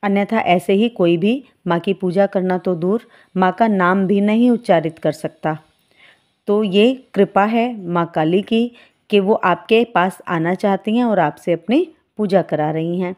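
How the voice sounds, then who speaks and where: A woman giving a calm devotional talk as a spiritual guide, speaking to her followers in a motherly way and calling them children. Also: mid-range voice, unhurried.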